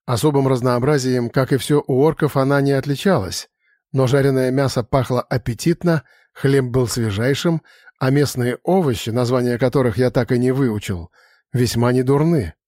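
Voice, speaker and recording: A man's voice: mid-range voice, normal speed, dry recording, clean studio sound. Man narrating a fantasy audiobook. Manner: steady, conversational storytelling.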